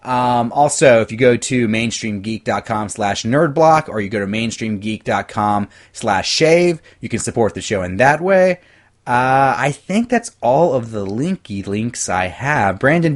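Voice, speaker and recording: A man's voice: medium pitch, lively intonation, moderate pace. A man hosting a casual podcast, talking in a loose, rambling way with frequent restarts and casual swearing, on a desktop mic. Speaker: podcast host. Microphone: desktop USB mic.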